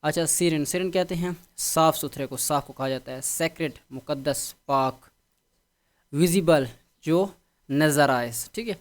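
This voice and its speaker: A man with a fairly high-pitched voice gives a vocabulary lesson. He explains patiently, stopping often to check that his students follow. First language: Urdu. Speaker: English teacher.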